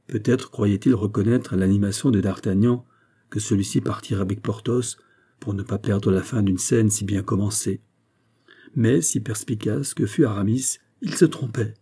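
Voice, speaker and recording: A man narrating a classic novel as an audiobook in a measured storytelling manner. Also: on the low side, mellow, slightly rough.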